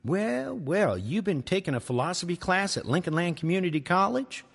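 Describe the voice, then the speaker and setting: A man voicing a sassy, no-nonsense woman waitress at a small-town diner, teasing and brisk in a raised voice. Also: sits high, animated, creaky, slightly rough, pitched above the performer's own voice, full character voice. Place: church, live audience. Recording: reverberant live church hall.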